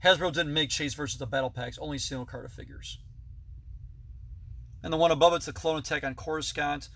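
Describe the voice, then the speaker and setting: Holding his phone at arm's length, a man in his thirties shows off his toy collection in an indoor basement full of toys, chatting in detail. He sounds a little high, pushed and bright, steady in tone and a little fast.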